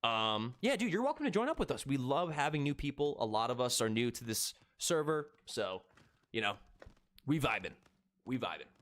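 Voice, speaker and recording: A man in his thirties, with a mid-range, slightly bright voice, chats very animatedly at a moderate pace with viewers during a live game stream. His talk is casual, laid-back and profane.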